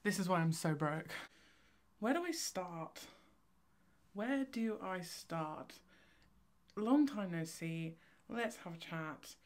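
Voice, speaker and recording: A young woman from Cornwall with a Cornish accent, chatting to camera in a fast, chaotic, excitable vlog ramble. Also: lowish voice. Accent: Cornish English. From Cornwall, England. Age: young adult. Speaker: vlogger, photography student. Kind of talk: casual vlog chat to camera. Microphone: camera on tripod.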